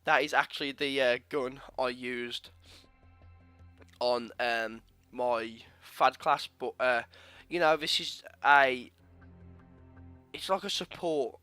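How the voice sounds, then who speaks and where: This young man hosts a gaming channel and, a little congested from a sore throat, talks casually through a class setup on the menu screens. He rambles, restarting and using plenty of fillers. His medium-pitched voice is slow, smooth, pushed and bright, with faint music playing behind him.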